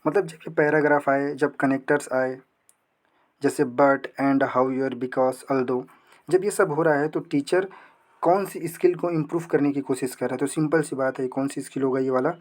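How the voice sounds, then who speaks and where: A young man teaching an exam prep lesson, asking questions and answering them himself, reading English text slowly. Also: medium pitch, steady tone, darkish tone.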